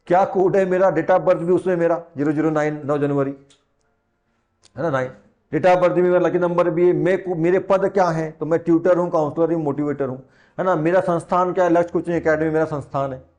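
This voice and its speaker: Chatty high-voiced male science tutor. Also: a little mellow. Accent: Hindi. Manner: chatty, teasing teacher who talks to students directly. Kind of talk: classroom lesson in Hindi.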